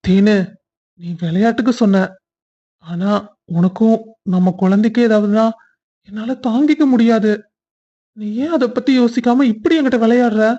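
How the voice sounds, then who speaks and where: Young cartoon husband, someone doing the voice, mid pitch, stern then soft. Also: moderate pace, pauses often, dull audio, natural voice. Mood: tender. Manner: stern then tender, scolding. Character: young husband, earnest, quick to scold. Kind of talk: cartoon voice acting.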